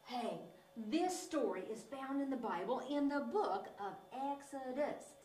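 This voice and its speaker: Playing a clown, a woman tells children a Bible story in an exaggerated, sing-song animated lesson. Her high voice has lively intonation and a darkish tone, a little slow, recorded from a distance in an echoey room with faint noise.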